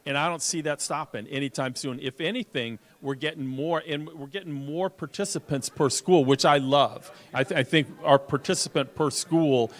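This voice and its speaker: A man being interviewed, talking in an upbeat, conversational way with halting repeats. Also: a little high. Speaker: sports conference commissioner being interviewed.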